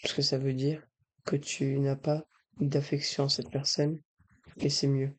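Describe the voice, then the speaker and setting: A man with a breathy voice, speaking softly in an ASMR style as he advises the listener. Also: medium pitch, monotone, unhurried. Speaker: ASMR video creator. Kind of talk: soft-spoken ASMR, advising the listener directly.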